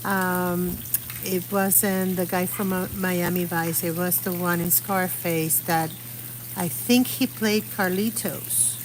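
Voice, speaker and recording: A middle-aged Puerto Rican woman chats casually outdoors under an umbrella while painting on a live stream, rambling as she searches for words. Her voice sits fairly low with a steady tone and an unhurried pace. The recording is rough, with slight background noise.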